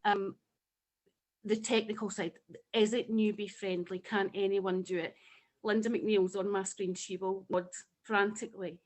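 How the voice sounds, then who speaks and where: A woman's voice: medium pitch, flat delivery, unhurried, a little mellow, rough recording. A woman with a Scottish accent speaking passionately and emotionally on a video call, sharing a personal testimonial. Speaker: webinar participant.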